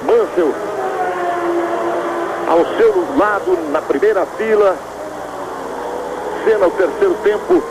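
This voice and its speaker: A man's voice: high voice, slow, pauses often. A man with a Brazilian accent giving live motorsport commentary of a qualifying session. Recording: loud engine noise behind the voice. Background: racing car engines and track noise.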